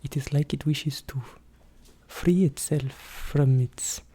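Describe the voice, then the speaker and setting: A woman voicing an eccentric, boastful, excitable vampire in a theatrical, rambling ASMR ASMR role-play, slipping in and out of a breathy soft voice. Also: low-pitched, full character voice. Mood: entranced, doting. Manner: theatrical, chatty, rambling, drawn-out exclamations. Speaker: ASMR performer.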